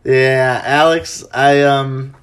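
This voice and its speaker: A man's voice: medium pitch, steady tone, extremely slow, smooth. A man hosting a podcast in casual chat, chatty with many fillers, laughing easily. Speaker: podcast host.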